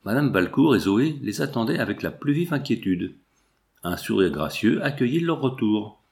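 A man narrating a classic novel in a measured, even storytelling manner. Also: mid-range voice, gravelly. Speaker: audiobook narrator.

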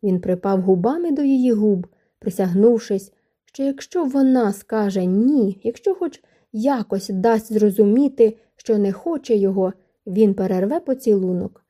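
Brief: woman narrator, calm measured audiobook reading, deep mellow timbre. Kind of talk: scripted narration of a romance novel.

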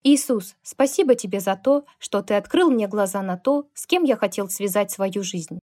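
A woman's voice: mid-range voice, expressive, moderate pace, a little mellow, dry recording, clean studio sound, close to an everyday voice. A woman reading a storybook, voicing a rude and bitter young man who sneers and spits venom. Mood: venomous. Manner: sneering, spiteful.

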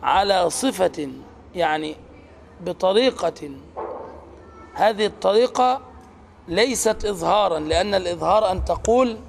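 A man with a high voice teaches the rules of Quran recitation. He explains step by step and stretches out words to demonstrate each sound. A faint hiss runs under the recording. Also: lively intonation, moderate pace, gravelly, pauses often. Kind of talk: tajweed lesson.

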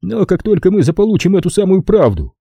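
A man reading an audiobook, voicing a cold, domineering male casino boss who speaks calmly and curtly. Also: high-pitched, fast talker, gravelly, slightly rough, no echo, voice pushed up, full character voice. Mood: menacing. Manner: calm, menacing and curt.

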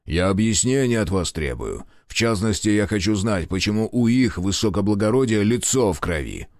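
A stern, commanding police chief, played by a man reading a story. His low voice moves slowly and weightily, every order firm. Recorded close in a dry booth. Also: expressive, darkish tone, no echo, lightly acted.

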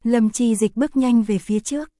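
A woman narrating an audio story in a steady, even reading voice. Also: fairly high pitch, brisk, no echo, studio quality.

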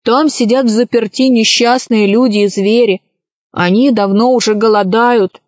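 A brave, modest young boy from a storybook who speaks earnestly in a raised voice, as a woman reader voices him. He talks slowly, and the recording is dry and a little dull. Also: a little high, steady tone, a little mellow, no room sound, lightly acted.

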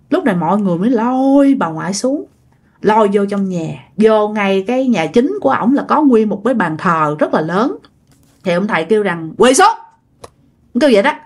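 A woman's voice: medium pitch, slightly rough. A woman casually telling a ghost story, chatting directly to her listeners.

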